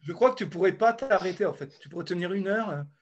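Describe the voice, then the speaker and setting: A man hosting a casual chat among friends, running a game in an animated way and laughing often. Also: high voice, quick pace, muffled recording. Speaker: host.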